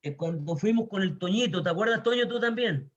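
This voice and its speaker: A man's voice: high-pitched, expressive, brisk. A man with a Chilean accent telling a personal story in casual conversation, earnest and emphatic, repeating words for stress. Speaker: guest sharing personal testimony. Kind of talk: casual chat. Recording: dull lo-fi recording.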